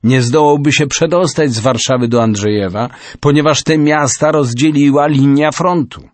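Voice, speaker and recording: A man narrating a storybook in an expressive reading style. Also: medium pitch, moderate pace, dry recording.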